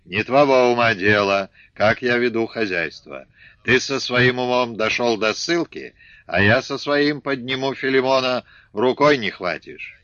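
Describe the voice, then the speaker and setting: A man reading an audiobook, voicing a gruff, domineering old peasant father who shouts abuse. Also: mid-range voice, measured pace, no echo, dull audio, lightly acted. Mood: scornful. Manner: shouting, abusive.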